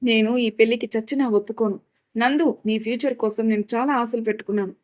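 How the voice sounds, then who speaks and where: A furious middle-aged mother who scolds and lays blame, her words sharp with indignation, as a woman narrator puts her on. She is a storybook figure with a controlling temper. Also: on the high side, fairly even intonation, fast talker, natural voice. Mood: angry.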